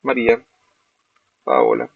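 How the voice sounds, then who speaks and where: A young man, a student walking through a screen-recorded software demo step by step and correcting himself as he goes. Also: on the low side, sing-song, slow pace, creaky, husky, no echo. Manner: explains step by step, self-corrects. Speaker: student presenting a project. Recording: dull, lo-fi dry recording.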